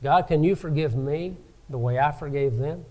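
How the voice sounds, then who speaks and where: A man preaching a sermon from the pulpit, slow and emphatic, rising in pitch and volume to stress his points. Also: darkish tone. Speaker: pastor.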